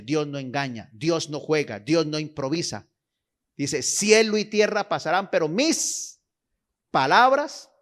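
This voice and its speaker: A man preaching a sermon, exhorting his listeners, repeating phrases and checking in with them, and reading scripture aloud with emphasis. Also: medium pitch.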